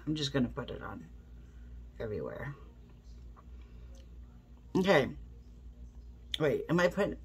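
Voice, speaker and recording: A woman's voice: a bass voice, slightly rough. A woman with a stuffed-up, congested voice, chatting casually through a makeup tutorial and talking as she works. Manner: chatty, talks while working, slows down and trails off. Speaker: beauty vlogger.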